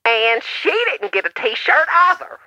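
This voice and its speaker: A woman's voice: a little high, animated, a little slow, sharp tone, no echo, highs cut off, exaggerated voice. A woman playing a scatterbrained older woman calling in to a radio show, rambling and flustered. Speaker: caller. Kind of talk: comedy radio sketch.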